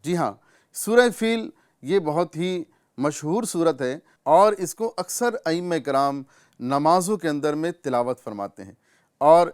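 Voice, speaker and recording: A man with a Pakistani Urdu accent teaching correct recitation, explaining patiently and drawing out individual sounds slowly as examples. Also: on the high side, smooth. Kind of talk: tajweed lesson with recitation examples.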